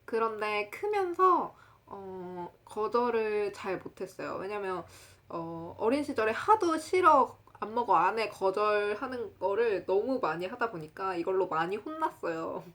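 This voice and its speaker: A woman in her twenties casually telling a personal story to the camera, laughing often and acting out quotes in a loud high voice. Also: expressive, unhurried. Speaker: vlogger.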